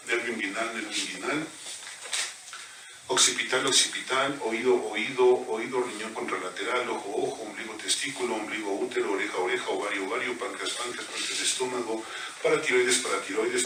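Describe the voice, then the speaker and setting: A low-voiced man rattles off anatomical points in an even, murmured run, like a therapist working through a list. He is picked up from across an echoey room, with a television and steady noise in the background. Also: far from the mic. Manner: recites body-point pairs in a quick steady murmur. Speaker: biomagnetism therapist. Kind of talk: rapid-fire live scanning recitation.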